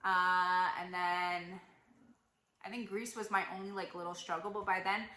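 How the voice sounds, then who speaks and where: Talking to camera in an echoey room, a young woman shares travel tips, peppering her chatter with "like" and "you know." Her fairly low voice is bright and forceful yet barely moves in pitch, and she keeps a measured pace. A little hiss or hum sits in the recording.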